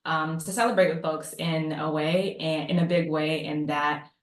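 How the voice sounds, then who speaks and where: A psychologist in her thirties from Maryland joins a casual panel talk as a guest on a video call. Her deep voice is steady and moderately paced, warm and chatty, with "like" cropping up a lot, and the room sounds echoey.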